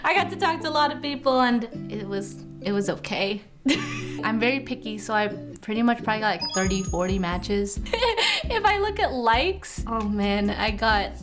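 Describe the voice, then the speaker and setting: A young woman with a slightly high voice chats casually about her week on dating apps, breaking into giggles between phrases. Clear background music plays under her voice throughout. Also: expressive, moderate pace. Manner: giggly, laughs often mid-sentence. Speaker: guest trying dating apps. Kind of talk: casual recap to camera.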